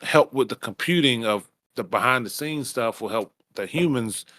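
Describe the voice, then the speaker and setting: A male podcast co-host talking in a loose, rambling way, often restarting his sentences and dropping casual swears. His voice sits at a middle pitch. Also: animated, moderate pace, a bit bright, no echo.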